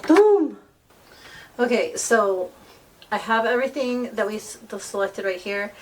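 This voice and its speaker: A beauty vlogger chats casually at home while doing her makeup, rambling through asides and poking fun at herself. Her voice is mid-range at a normal speed, recorded a bit far from the mic with faint noise.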